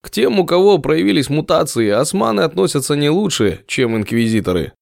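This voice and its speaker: Male narrator doing a grim one-eyed mercenary, flat-toned and worldly. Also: a little high, fairly quick, gravelly, no echo, clean studio sound, voice pushed up. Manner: grim, matter-of-fact.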